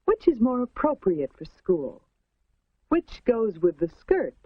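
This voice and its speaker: 1950s-style woman narrator, American, lively intonation. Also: fairly high pitch, slow, breathy edge, no room sound. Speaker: educational film narrator. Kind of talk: 1950s instructional film narration, scripted. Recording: muffled vintage 1940s film soundtrack.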